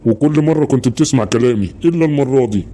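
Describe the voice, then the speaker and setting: A man's voice: mid-range voice, fast, warm tone, slight background noise, close to an everyday voice. A man voicing a worried, protective old grandfather in an Egyptian cartoon, speaking with an Egyptian Arabic accent in a pleading, fretful way. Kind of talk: Egyptian cartoon dub acting.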